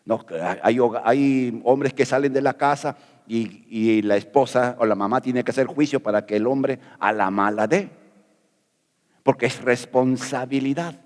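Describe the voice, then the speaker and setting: A man's voice: medium pitch, a little slow, a little mellow, big-room sound. A middle-aged man from Peru preaching a sermon as pastor, folksy and jokey, asking rhetorical questions.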